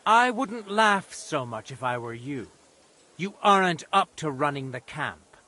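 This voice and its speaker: A man's voice: a little high, very animated, measured pace, bright, forceful tone, full character voice. A haughty, commanding nobleman. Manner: commanding, scornful. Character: stern haughty nobleman judging a camp murder. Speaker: lord presiding over a trial. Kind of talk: video game dialogue.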